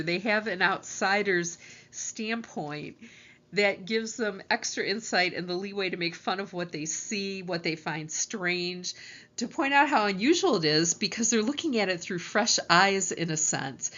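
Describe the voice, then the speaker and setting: A woman's voice: medium pitch, a bit bright, lo-fi sound. A woman college lecturer, explaining course ideas over slides in a conversational teaching tone.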